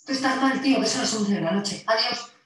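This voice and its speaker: An actress voices a harassed woman from Spain, tense and pleading as she argues with her ex through the intercom. Her voice sits high. The clip is played back from a distance, echoing heavily through a large hall. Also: fairly quick, close to an everyday voice. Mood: exasperated. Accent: Spain Spanish. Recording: echoey distant playback in a hall.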